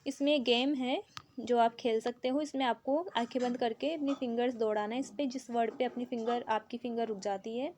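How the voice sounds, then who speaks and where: A woman teacher with an Indian accent, explaining an English lesson in Hindi and reading English lines out slowly. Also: fairly high pitch, darkish tone, slight background noise.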